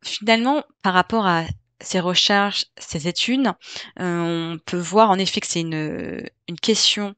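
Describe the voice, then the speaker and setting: A woman hosting a solo podcast as a life coach, explaining calmly with frequent fillers, hesitations and self-corrections. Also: lowish voice, unhurried, smooth, dry recording.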